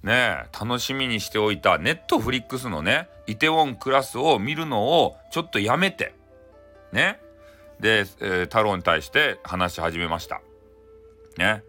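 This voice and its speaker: With a music bed behind him, a storyteller retells a folktale informally and with humor, his Hakata accent clear and his talk chatty, loaded with tag particles. The voice sits on the low side, a little slow, lively in intonation and bright and forceful in tone.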